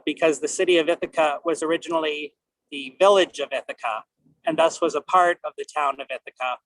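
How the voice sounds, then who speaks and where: Higher-pitched man presenting, dry sound. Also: vocal fry, fairly bright tone, no room sound, poor audio. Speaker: presenter introducing a reenactment. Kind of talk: prepared explanatory narration.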